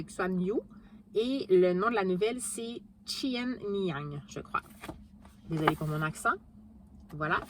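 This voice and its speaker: A woman's voice: fairly low pitch, a bit bright, slight background noise. A woman with a Québécois French accent chatting casually about her reading, with many fillers and restarts. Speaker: book vlogger. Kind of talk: casual book vlog chat.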